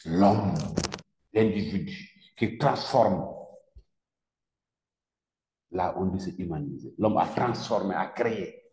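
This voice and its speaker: A man's voice: low voice, animated, takes it slowly, long pauses, a little mellow. A man with a Senegalese French accent teaching a class, questioning students and repeating key words with emphasis. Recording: echoey classroom with long reverb.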